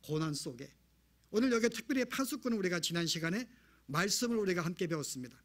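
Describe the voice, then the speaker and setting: A man's voice: high-pitched, lively intonation, quick pace, fairly bright tone. A man pastor preaching a sermon in a church, asking the congregation rhetorical questions. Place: church sanctuary.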